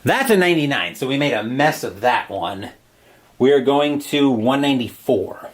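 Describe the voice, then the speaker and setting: A man's voice: medium pitch, animated, normal speed. A man playing a solo horror gamebook alone, reading the entries aloud with dramatic narration and asides about his dice rolls.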